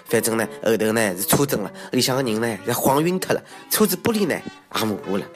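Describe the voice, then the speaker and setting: A man's voice: on the low side, very animated, fast, faint music behind. A man with a Shanghainese accent hosting a comic monologue in a self-mocking, exclamatory way with theatrical asides. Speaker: comedy show host. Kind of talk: comedic monologue on odd news.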